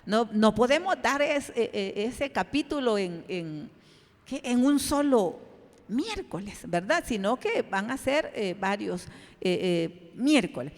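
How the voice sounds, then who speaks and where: Lady teaching bible study, kinda high voice, stops and repeats a lot, echoey church hall. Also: animated. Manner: halting, repeats words, constant "¿verdad?" tag.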